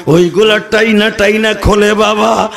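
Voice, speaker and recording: A man preaching an emotional sermon, shouting and chanting in a sing-song way. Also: high voice, fairly even intonation, measured pace, creaky. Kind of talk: emotional Bengali waz sermon.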